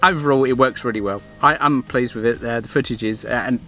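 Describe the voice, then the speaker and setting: A middle-aged man chats through a gadget review in an ordinary mid-range voice. He rambles a bit and restarts his sentences. Music plays clearly behind him. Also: mid-range voice, fairly even intonation, fast, fairly bright tone. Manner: rambling, restarts often, plain and friendly. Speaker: vlogger reviewing a dash cam. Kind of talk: casual product review.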